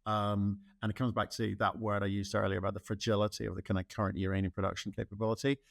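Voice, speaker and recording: A man with a lowish, gravelly voice hosts an interview. He chats loosely and circles around his questions before he lands them. The recording is dry and close. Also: little pitch movement, fast, no echo. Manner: chatty, rambling questions with restarts. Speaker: interview host. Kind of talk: casual interview talk.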